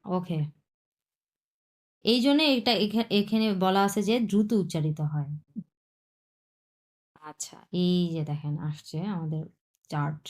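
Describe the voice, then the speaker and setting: A woman's voice: on the low side, a little slow, long pauses, a little mellow. A woman, teaching an online language class, patiently repeating points and checking that students follow.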